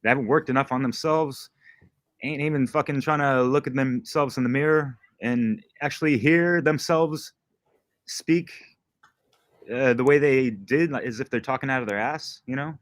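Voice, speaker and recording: A man's voice: medium pitch, normal speed, no echo. A man who is a guest DJ and podcaster, talking in a laid-back, slangy way and swearing freely. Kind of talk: casual livestream chat.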